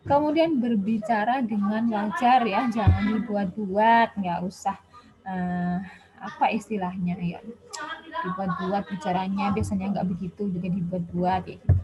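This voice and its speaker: A woman's voice: medium pitch, steady tone, moderate pace. Casual woman lecturer, muffled lo-fi recording. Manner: chatty, with many Javanese-flavored casual fillers. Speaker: health education lecturer.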